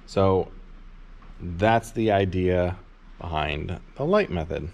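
Speaking slowly in a low, gravelly voice, a man in his thirties gives a relaxed, rambling explanation of starting a worm farm, with lots of "um"s. He's a worm farmer filmed up close, camera held low, indoors in a big insulated barn or workshop.

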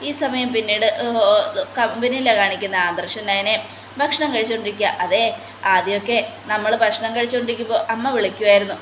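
A woman's voice: mid-range voice, brisk, background noise. A woman casually retelling the plot of a TV serial in a chatty, filler-laden way. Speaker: TV serial recap narrator. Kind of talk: casual storytelling recap. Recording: roomy echo.

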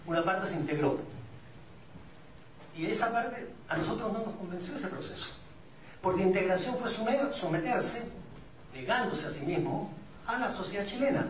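A middle-aged Peruvian-accented man, his voice sitting high, talks on a panel as a migrant community representative at a public forum. His manner is didactic and reflective, built around rhetorical questions. The echoey indoor room, distant mic and audience sounds are all audible.

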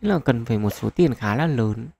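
Casting: male gaming host, gravelly texture, rambling casual commentary with fillers, bursts of excitement. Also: mid-range voice, fairly quick, noisy background. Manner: chatty, thinks aloud with many fillers; excitable at lucky pulls. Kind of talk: casual gacha game commentary.

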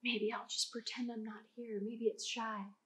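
A woman's voice: fairly high pitch, moderate pace. A woman hosting a children's science lesson, talking playfully and directly to young viewers. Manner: animated, playful, talks straight to children. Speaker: children's science show host.

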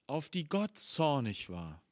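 A man preaching a Sunday morning sermon in German, reading scripture slowly and explaining it with earnest emphasis. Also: a little high, very animated, no echo, studio quality. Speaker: pastor.

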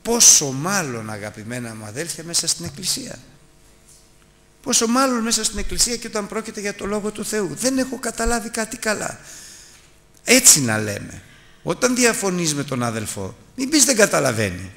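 Lively, bright-voiced male preacher. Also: sits high. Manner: storytelling, then urgent exhortation to the congregation. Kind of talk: Bible teaching sermon.

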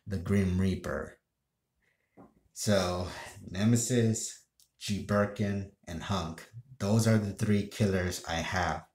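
Casual male gaming vlogger, low and unhurried, rambling delivery, echoey room. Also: a little mellow. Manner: rambling, restarts sentences, sighs. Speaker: gaming streamer. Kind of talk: casual monologue vlog. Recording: roomy echo.

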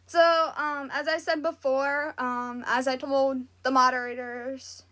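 Southern lady almost 40, high voice, slow rambly livestream chat w lots of ums. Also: little pitch movement, bright, forceful tone. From Southwest Florida. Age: 30s. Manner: rambling, giggly, lots of fillers. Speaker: livestream talk show host. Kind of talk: casual chat with live chat viewers.

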